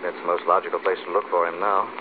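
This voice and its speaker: A resolute gentleman detective from an old radio show played by a man. His lowish, authoritative voice comes through a thin, noisy recording. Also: little pitch movement, quick pace, narrow, tinny audio, lightly acted. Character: resolute gentleman male sleuth, calm and commanding. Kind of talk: 1940s radio thriller acting.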